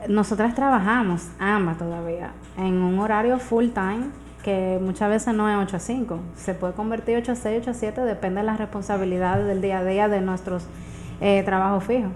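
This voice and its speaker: A woman in her thirties with a Dominican accent appears as a guest entrepreneur on a casual radio interview, explaining things conversationally. Her medium-pitched voice is steady, a little fast and slightly mellow. She speaks into an arm-mounted studio microphone in a small indoor radio studio, with clear background noise.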